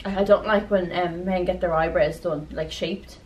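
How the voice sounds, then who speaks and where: A woman's voice: fairly low pitch, steady tone, moderate pace. A young woman, co-owner of a beauty business, chatting casually through a Q&A and leaning on "you know" and "like". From rural Ireland. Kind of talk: casual Q&A chat. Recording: slightly distant mic with faint noise.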